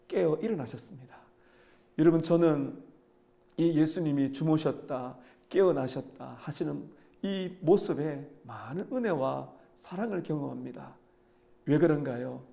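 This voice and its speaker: Gravelly-voiced male pastor preaching. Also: on the high side, mellow. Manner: earnest, rhetorical questions to the congregation. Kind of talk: sermon.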